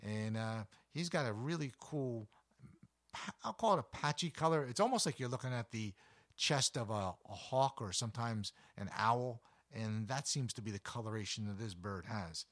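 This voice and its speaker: A man with a deep voice, hosting a nature show and chatting enthusiastically with frequent fillers. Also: moderate pace, fairly bright tone. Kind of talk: casual talk about backyard birds.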